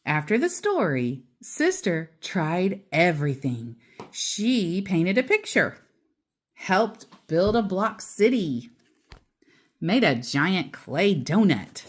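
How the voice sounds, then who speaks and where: This storyteller is a woman whose pitch runs fairly low. She reads a children's book aloud in a deliberate, expressive way, stressing words and adding casual remarks.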